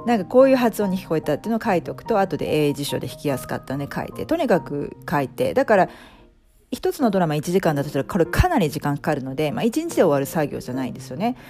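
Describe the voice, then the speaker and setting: A woman's voice: low voice, very animated, very fast, dark tone, faint music behind. A middle-aged woman, a life coach, talking casually as a podcast guest, with many fillers and restarts. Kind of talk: casual interview talk.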